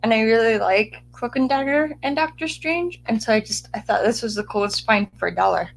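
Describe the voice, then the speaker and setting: Woman co-host, casual and excitable, slightly high with a fried texture. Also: brisk, gravelly, a little hiss or hum, low-quality recording. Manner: excitable, chatty, restarts often. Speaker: podcast co-host. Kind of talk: casual chat.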